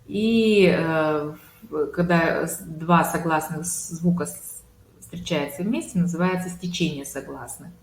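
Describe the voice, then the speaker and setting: A woman speech therapist with a low, steady voice explains home exercises patiently, stacking up example words and pausing on filler sounds. She is recorded in a roomy, echoey space with a faint hiss underneath. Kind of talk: consultation talk on home exercises.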